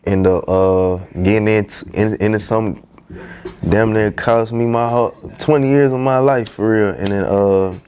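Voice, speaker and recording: Guesting on a podcast, this young rapper recounts his story in a loose, slangy way, dropping "you know what I'm saying" often. His voice sits on the low side, darkish and steady, at a moderate pace, and the exchange is a casual storytelling interview.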